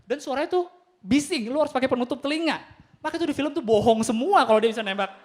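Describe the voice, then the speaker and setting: Young man, stand-up comedian, high voice, very lively pitch, acts out voices and sound effects. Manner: animated, acts out quick voices and gunshot sounds.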